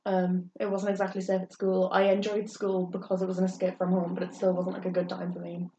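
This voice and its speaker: A young Englishwoman with a dark, lowish voice co-hosts a podcast, speaking a little fast in a completely flat delivery. She tells her own story candidly and earnestly, rambling with frequent hesitations, on a roomy, distant, dull recording with faint hiss.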